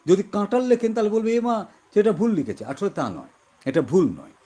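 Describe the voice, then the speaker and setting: A man teaching an exam-prep class in a West Bengal Bengali accent. His voice is a little husky and sits fairly high, with lively rises and falls as he explains. He keeps repeating example words to demonstrate their pronunciation. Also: brisk. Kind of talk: online exam-prep lesson.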